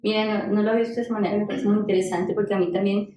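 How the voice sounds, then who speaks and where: Female researcher, warm dark tone, conversational seminar speech, heavy room echo. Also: mid-range voice, fairly even intonation, very fast. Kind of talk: conversational academic discussion. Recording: very echoey room.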